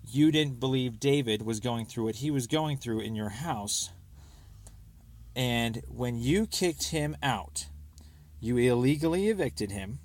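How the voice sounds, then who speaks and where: Speaking in a mid-range voice, a young American man rambles through a personal voicemail, aggrieved, insistent, and repetitive.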